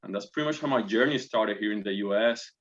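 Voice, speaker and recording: Talking fast in a fairly low voice with a fairly bright tone, this Puerto Rican navy officer in his forties answers a guest interview earnestly and politely in a Puerto Rican Spanish accent. He uses many fillers and restarts, and the lo-fi recording sounds dull.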